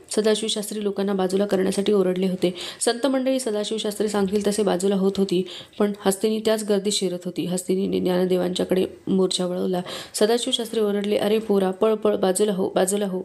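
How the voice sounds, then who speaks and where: A woman reading a devotional book aloud in steady, measured storytelling. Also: mid-range voice. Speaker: book reader.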